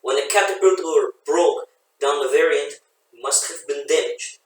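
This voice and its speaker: A man's voice: on the high side, measured pace, lightly acted. A man doing a panicky ship's doctor. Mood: alarmed. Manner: anxious, insistent. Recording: echoey room, voice from a distance.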